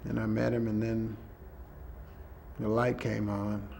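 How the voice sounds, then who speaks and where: Man, gravelly, unhurried, casual reminiscence, faint noise. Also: fairly low pitch, flat delivery, darkish tone.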